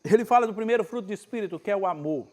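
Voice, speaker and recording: A man with a notably high voice preaches at a spiritual retreat, speaking with a northeastern Brazilian accent. He talks in an easygoing, conversational way and acts out Bible scenes in plain everyday speech. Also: lively intonation, racing. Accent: Brazilian Portuguese, northeastern. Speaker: pastor.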